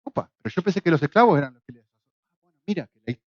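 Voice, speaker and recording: A middle-aged Argentine man with a fairly high voice teaches a church Bible class, quick to fire off rhetorical questions and throw in a joke. He speaks with an Argentine Spanish accent. The recording is dull and lo-fi, with a dry, close sound. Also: dry recording. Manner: lively, asks rhetorical questions, jokes.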